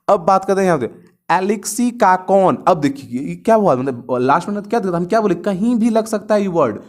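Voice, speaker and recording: A man. He spells words out letter by letter and keeps asking and answering his own questions. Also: sits high. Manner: repeats words and asks himself questions. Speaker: vocabulary teacher. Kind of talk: online vocabulary lesson.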